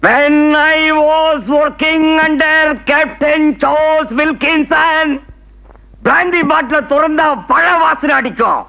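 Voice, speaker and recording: A man's voice: very high-pitched, fairly even intonation, drawn-out words, creaky, sharp tone, muffled recording, heavily acted. An actor playing a grumbling older man who lectures others in a comedy film scene.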